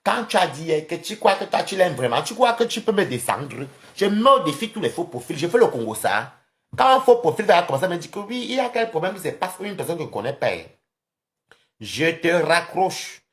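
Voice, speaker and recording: Cameroonian-accented live streamer, lively swooping pitch, rambling, combative rant. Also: fast. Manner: animated, rambling, confrontational, addresses viewers directly. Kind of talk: casual social media live rant.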